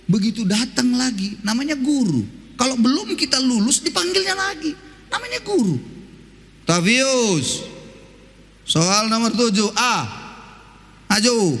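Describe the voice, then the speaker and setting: High-pitched animated male pastor. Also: in a large hall. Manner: animated, colloquial storytelling with rhetorical questions. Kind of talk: sermon.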